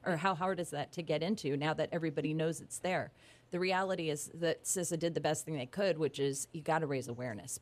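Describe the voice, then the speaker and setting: A woman speaking conversationally as an expert guest in a radio interview. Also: deep voice.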